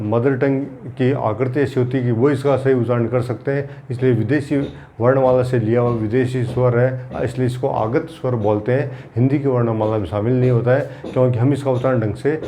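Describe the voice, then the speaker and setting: A man's voice: mid-range voice, warm tone, a little hiss or hum. A man teaching Hindi grammar in an exam-prep lecture, repeating key points and using everyday examples to drill them.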